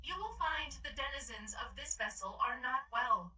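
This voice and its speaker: A woman voicing a calm, polite female station AI in a video game, speaking in a measured, machine-like way. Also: high-pitched, slight background noise, heavily acted. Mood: courteous. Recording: distant game audio over music.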